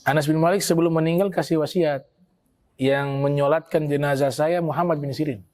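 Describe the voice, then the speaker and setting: A male preacher with a North Maluku Malay accent, telling religious stories in a lively, animated way and acting out the characters' speech. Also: fairly high pitch, brisk. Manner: animated storyteller, acts out quoted speech. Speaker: Islamic preacher. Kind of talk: storytelling religious talk.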